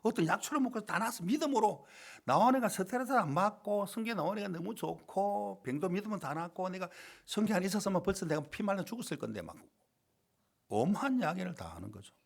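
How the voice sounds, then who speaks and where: A middle-aged male pastor preaching a sermon in a church, telling a story with dramatic swings between loud and quiet. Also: high voice, very animated, fast, creaky. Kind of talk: sermon with acted-out quotes. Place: church sanctuary.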